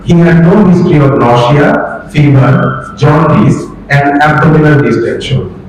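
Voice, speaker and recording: A man with a husky, sore voice giving a formal medical case presentation to colleagues. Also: a little high, expressive, measured pace, darkish tone, a little hiss or hum. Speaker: presenting doctor. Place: hospital lecture hall. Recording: very echoey hall from far off.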